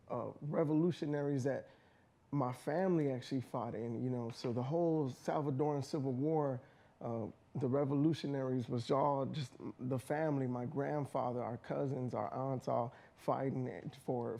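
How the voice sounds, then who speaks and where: A man's voice: medium pitch, gravelly, mellow. A man from the United States, a rapper guest, speaking in an earnest, passionate way about his music with frequent restarts. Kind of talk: casual interview talk. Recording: community radio studio.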